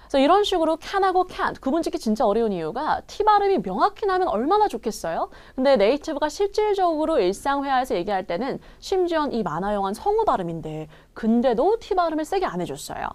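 A woman teaching English pronunciation in an online lesson, repeating short English phrases slowly for learners to copy. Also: high-pitched, very animated.

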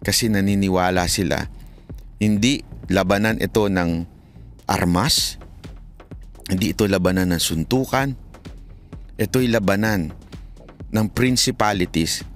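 A man's voice: low-pitched, unhurried, long pauses, soft background music. A man giving heated commentary in his vlog, preaching and pleading with his listeners and quoting scripture in English.

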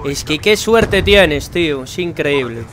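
A man's voice: fairly high pitch, expressive, measured pace, crowd noise. A young man with a Spanish accent from Spain, commenting on his own gameplay in a frustrated, sarcastic way and swearing a lot. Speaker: gaming channel host. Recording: game noise and gunfire behind.

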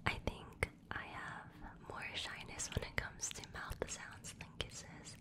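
A young adult woman doing ASMR, whispering softly very close to the microphone, with kissing noises between phrases. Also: slow. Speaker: ASMR host. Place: small indoor room at home. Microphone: two studio microphones, very close.

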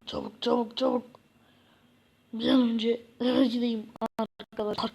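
A woman's voice: fairly high pitch, little pitch movement, a little slow, a little mellow, husky. A woman voicing a poor, self-pitying young man in a game parody, sighing and complaining. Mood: gloomy complaining. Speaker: content creator. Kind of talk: game parody role-play.

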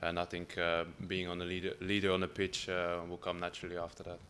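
Young guy, footballer at a presser, low crisp edgy voice, hesitant and measured, bit of room noise. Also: completely flat delivery, fairly bright tone. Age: 20s. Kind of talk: press conference answers. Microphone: table microphone.

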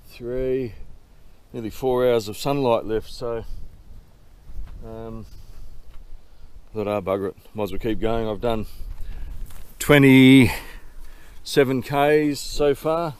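A man's voice: medium pitch, takes it slowly, long pauses, clean tone. A man in his sixties with a broad New Zealand accent, rambling casually to camera outdoors, laid-back and drily humorous, swearing freely. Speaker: solo bicycle touring vlogger. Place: outdoors in open bushland. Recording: outdoor noise with insects.

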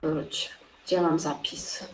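Woman chatting over a game, kinda stuffy, halting, roomy sound from off the mic. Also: low-pitched, flat delivery, distant mic. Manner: hesitant, thinking aloud. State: stuffy nose. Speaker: co-host of a game let's play. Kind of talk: casual chat while playing. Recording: echoey room, off-mic, faint hiss.

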